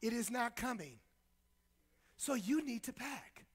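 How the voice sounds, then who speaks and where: A man's voice: very high voice, animated, a little slow, breathy edge, in a large hall. A male pastor preaching a fiery sermon with call-and-response and lots of repetition. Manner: impassioned preaching, call-and-response, repeats phrases.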